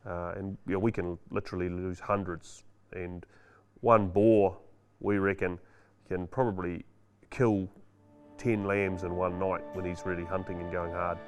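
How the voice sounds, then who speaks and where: A man's voice: low voice, level tone, a little slow, clean tone, faint music behind. A male farmer with a broad New Zealand Kiwi accent, explaining things casually in a matter-of-fact, laconic way. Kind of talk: casual explanatory talk to camera.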